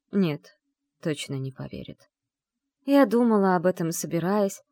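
Expressive woman reading a novel. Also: lowish voice, no room sound, studio quality. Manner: expressive, lively storytelling. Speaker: audiobook narrator. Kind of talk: first-person novel narration.

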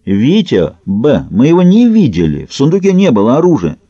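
A man doing a soft placating digger. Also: mid-range voice, huge pitch swings, moderate pace, no room sound, muffled recording, voice pushed up. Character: cautious male digger, peacemaker.

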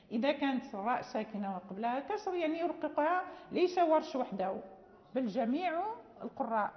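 Woman teacher, high voice, patient classroom lecture, muffled lo-fi sound. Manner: patient explaining, often checks understanding; many fillers and restarts. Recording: dull lo-fi audio with long reverb.

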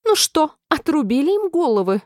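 A woman voicing a furious, shrill queen who barks orders in a storybook reading. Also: very animated, moderate pace, darkish tone, dry recording, studio quality. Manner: shrieking, barking orders.

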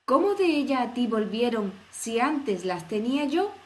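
A woman's voice: on the high side, very animated, normal speed, darkish tone, pitched above the performer's own voice. A woman voicing an indignant, spirited young girl in a children's audio story. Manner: indignant, defiant.

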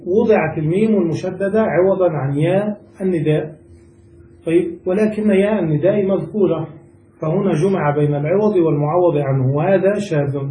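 A man's voice: high-pitched, dark tone. A man teaching a classical grammar lesson, explaining step by step and quizzing his students. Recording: echoey room, voice far from mic.

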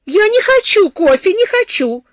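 A woman voicing a frightened, tearful eighteen-year-old girl who pleads timidly in a high voice. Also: sing-song, measured pace, no echo, studio quality, full character voice. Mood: pleading. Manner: pleading, timid, on the verge of tears.

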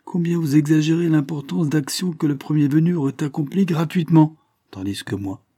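A man's voice: a little high, brisk, warm tone, breathy edge, no room sound, studio quality, voice pushed up. A man voicing a bitter, remorseful young nobleman recovering from illness in a storybook reading. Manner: bitter, brooding.

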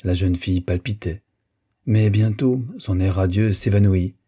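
Male narrator, low, very dark and husky, measured literary reading. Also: steady tone. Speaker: audiobook narrator.

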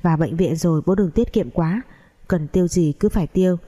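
A woman's voice: fairly low pitch, a little fast, warm tone, lightly acted. A woman voicing a worried young woman, an older sister who talks in an anxious, pleading way.

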